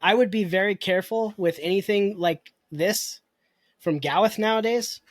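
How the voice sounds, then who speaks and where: A man's voice: high voice, normal speed, no room sound. A man co-hosting a podcast in casual chat, easygoing and reassuring, asking his co-host questions.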